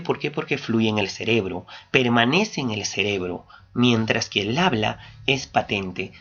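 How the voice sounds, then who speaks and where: A man from Ayacucho with a Peruvian Spanish accent, teaching a class. He asks rhetorical questions, answers them himself and stretches key words slowly for emphasis. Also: mid-range voice, fairly bright tone. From Peru. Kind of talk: classroom lecture. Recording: dull lo-fi recording.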